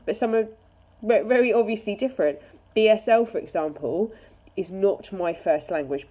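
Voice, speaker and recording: Speaking to camera in a relaxed, frank manner, a charity chief executive offers her own view. Her voice is lowish and mellow, and the talk feels like easy conversation.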